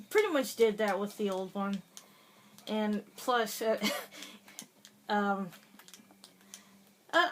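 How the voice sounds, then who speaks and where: Over her gameplay, a woman hosting a gaming video gives casual, chatty commentary in a medium-pitched voice, laughing often and hesitating with lots of fillers. A slight hiss or hum sits under the recording.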